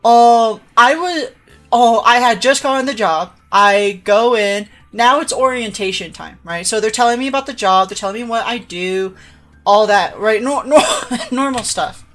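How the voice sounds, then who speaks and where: A young adult woman with a voice on the high side tells a rambling story on a live stream at a moderate pace. In this casual chat she often adds "right?" and restarts her sentences.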